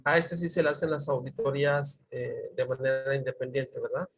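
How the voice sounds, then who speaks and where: A man's voice: medium pitch, fairly even intonation, moderate pace. A man from an evaluation center asking questions in an online meeting, hesitant and polite, often restarting his sentences.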